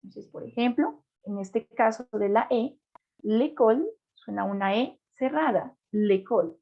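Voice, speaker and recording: A woman with a fairly high, creaky voice speaks at a moderate pace. She's teaching a beginner French class, patiently repeating words so her students can drill them. The recording sounds dull and lo-fi.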